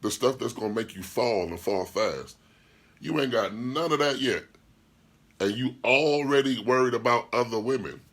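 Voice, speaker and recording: A deep-voiced man hosts a podcast as a DJ, delivering a blunt, profane, opinionated monologue full of rhetorical questions while answering live chat comments. His intonation is lively, his pace normal, and his tone a bit bright.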